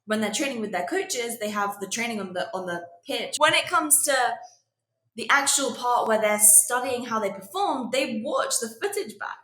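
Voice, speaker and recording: A woman's voice: fairly high pitch, lively intonation, moderate pace, bright, forceful tone. A woman interviewing a guest conversationally, with an emphatic, engaged way of asking questions. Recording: roomy, echoing interview room.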